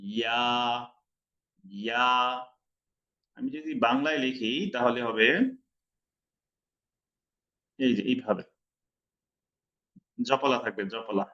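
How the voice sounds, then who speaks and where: A man with a Bangladeshi Bengali accent teaches letter pronunciation in an online lesson, at a very slow and patient pace. He repeats each sound several times, sometimes chanting it long. His voice is bright and forceful, and the recording sounds a little dull and lo-fi. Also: medium pitch. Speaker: Quran recitation teacher.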